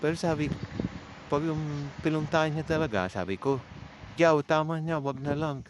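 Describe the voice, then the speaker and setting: A man with a Filipino accent narrates a vlog, chatting informally and speaking straight to his viewers. His voice is on the high side at normal speed, and the amateur recording is clearly noisy.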